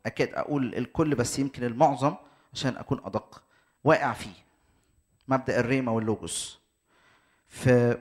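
A man with an Egyptian Arabic accent and a mid-range voice preaches a teaching sermon. He explains things step by step, restating his points to make them precise.

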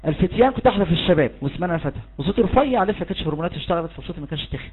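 A man's voice: high-pitched, animated, very fast. A man with an Egyptian Arabic accent preaching a charismatic sermon, fervently urging his listeners on and leading them in declarations. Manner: fervent, urges the listeners on and leads shouted declarations. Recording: tinny phone-like recording.

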